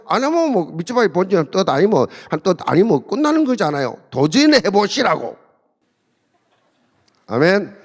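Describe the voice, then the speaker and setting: A middle-aged man, preaching an emphatic, humorous sermon with lots of repetition and call-and-response. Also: fairly high pitch. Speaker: pastor. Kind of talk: sermon at a marriage seminar. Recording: long hall reverb.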